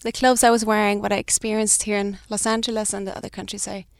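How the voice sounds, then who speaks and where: She talks fast in a medium-pitched, gravelly voice with a level tone, in a dry, clean studio recording. The speaker, a fashion brand founder in her thirties who grew up in Sweden and whose first language is Danish or Swedish, answers interview questions reflectively, with frequent restarts and light laughs.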